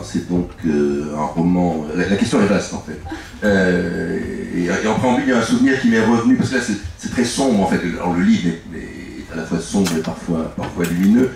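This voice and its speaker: A middle-aged author whose native language is French gives long, rambling, halting answers full of restarts as a guest at a live book talk. His voice is low with vocal fry and a darkish tone. He's captured from a distance in an echoey room with faint ambience.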